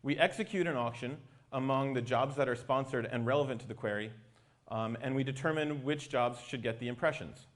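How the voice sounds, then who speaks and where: Man, mid-range pitch, company presenter, explanatory technical talk. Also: fairly quick.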